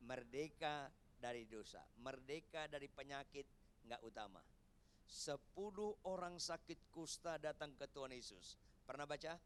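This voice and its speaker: A middle-aged man preaching a sermon in a large church, animated and teasing the congregation and shouting for emphasis. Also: medium pitch, a little slow, a little hiss or hum. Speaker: pastor.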